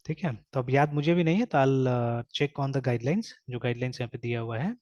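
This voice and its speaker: A man's voice: mid-range voice, moderate pace, darkish tone, no echo. A man teaching a programming class who mixes Hindi and English, repeats his points and keeps saying "okay" as he explains step by step. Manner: mixes Hindi and English, says "theek hai" constantly. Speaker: programming instructor. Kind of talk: live coding lecture. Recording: dull, dry lo-fi mic sound.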